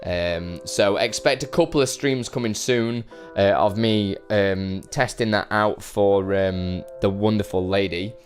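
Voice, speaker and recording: A man's voice: fairly low pitch, measured pace, faint music behind. Rambling, self-deprecating male streamer. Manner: rambling, self-deprecating, greets chat by name. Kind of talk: casual live-stream chat. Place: his brother's home.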